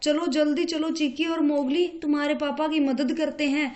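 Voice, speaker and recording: A woman's voice: sits high, flat delivery, normal speed, darkish tone, reverberant, dull audio, lightly acted. A woman voicing a caring, bustling village mother. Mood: concerned. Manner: bustling, concerned.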